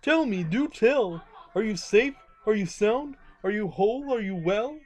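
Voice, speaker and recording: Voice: mid-range voice, lively intonation, a little slow, pitched above the performer's own voice. A storyteller voicing a kind, earnest elephant who pleads in a read-aloud storybook. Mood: anxious.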